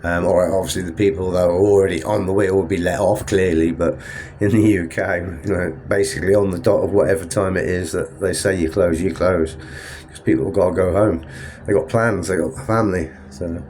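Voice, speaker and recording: A sniffly, blocked-up man from England talks a little fast while vlogging his travels from a Ferris wheel car after dark. His voice is low and darkish with fairly even intonation, and there's a faint hiss or hum. The chat is loose and full of self-corrections.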